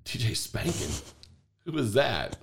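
A man's voice: medium pitch, sing-song, a little slow. A man co-hosting a casual family podcast with his child, playful and full of prompting questions. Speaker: podcast co-host and parent.

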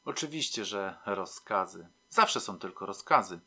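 A man's voice: medium pitch, sing-song, measured pace, bright, forceful tone, heavily acted. A man voicing a proud, frightened older woman in an audiobook. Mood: bitter. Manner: pleading, then bitter and dignified.

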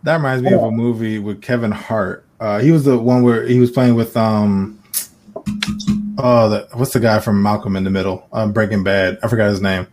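A man co-hosting a casual chat, animated and laughing often, slipping into joking voices. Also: fairly low pitch, moderate pace, soft background music.

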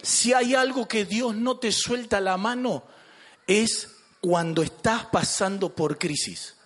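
A man's voice: high voice, slow, a bit bright, big-room sound. A man with an Argentine accent, a pastor preaching a sermon. He jokes and asks the congregation questions. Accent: Argentine Spanish. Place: church.

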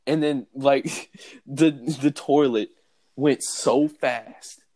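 A man's voice: medium pitch, very slow. A young man hosting a podcast, telling a story in casual chat with frequent laughter. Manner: animated storytelling, laughing often. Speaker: podcast host.

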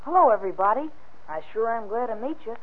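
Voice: medium pitch, lively intonation, quick pace, natural voice. A performer playing an eager, wholesome all-American boy, gushing through an old radio advertisement. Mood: excited. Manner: gushing, boyish exclamations. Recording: tinny vintage radio recording.

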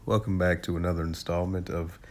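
A man with a congested, rough voice hosting his own casual solo podcast, talking loosely, laughing often, swearing and repeating words as he goes. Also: low voice, little pitch movement, fairly quick, a little mellow, faint music behind. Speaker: podcast host.

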